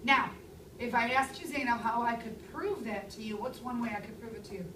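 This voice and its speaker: A woman in her thirties teaches a language lesson to a class, her voice fairly high and her key words given strong stress. She is picked up by a camera across an echoey classroom. A steady hum of room noise sits behind her. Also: fairly quick, distant mic. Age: 30s. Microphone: far camera.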